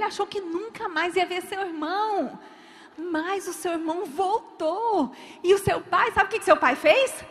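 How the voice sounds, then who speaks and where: A woman's voice: extremely high pitch, a bit bright, big-room sound. A woman preaching a sermon, telling stories dramatically and acting out the people in them.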